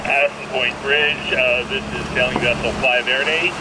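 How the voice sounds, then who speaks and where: A man's voice comes over a marine VHF radio from another sailboat, polite and brisk, using formal call procedure. He sounds distant and small, with loud engine and water noise all around, and his pitch sits in a middle range. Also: flat delivery. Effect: heard over a marine VHF radio. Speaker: boater calling a bridge tender.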